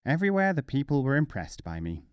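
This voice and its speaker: A man's voice: mid-range voice, big pitch swings, fast talker, clean tone, no echo, clean studio sound, voice pushed up, close to an everyday voice. A man voicing a cheerful, boastful wandering mullah in a storybook, chatty and breezily self-assured. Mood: breezy, boastful.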